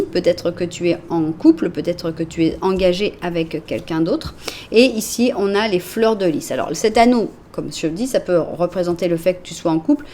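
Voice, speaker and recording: A woman's voice: mid-range voice, a little mellow, a little hiss or hum. A woman from France, in her forties, doing a chatty, reassuring tarot card reading and narrating each card as she draws it. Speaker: tarot reader.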